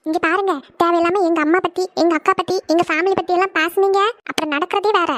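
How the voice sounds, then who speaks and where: A woman's voice: extremely high pitch, fairly even intonation, fast, a bit bright, no echo. [name], a woman voicing a defiant young sister. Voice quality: defiant and combative. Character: bold, sharp-tongued young woman, protective sister. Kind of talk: cartoon voice acting.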